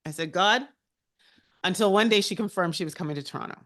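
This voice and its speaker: Chatty woman with a lowish voice. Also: very fast. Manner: animated, heartfelt and chatty, with restarts and laughs. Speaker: guest speaker. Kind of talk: personal storytelling in a career talk.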